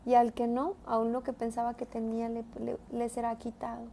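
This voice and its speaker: Woman with a gravelly, mellow voice. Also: fairly high pitch, monotone, moderate pace, slight background noise. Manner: conversational, frequent tag questions. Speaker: Bible teacher. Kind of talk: devotional Bible teaching.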